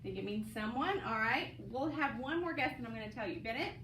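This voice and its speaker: A woman teacher runs a phonics lesson in a classroom, her high voice upbeat and coaxing as she quizzes students by name. She sounds distant from the mic, and the room is roomy and echoey. Steady noise sits behind her. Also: brisk.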